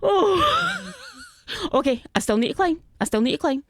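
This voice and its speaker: A woman's voice: high voice, lively intonation, brisk, dry recording. A woman commentating as she plays a game, chatty and laughing, anxiously repeating phrases when things get tense. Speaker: gaming streamer.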